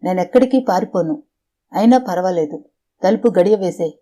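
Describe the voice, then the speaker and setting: A woman's voice: lowish voice, normal speed, dark tone, natural voice. A woman reading a lonely, talkative middle-aged father in an audiobook, her voice rising and falling as he rambles in fits and starts. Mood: lonely pleading.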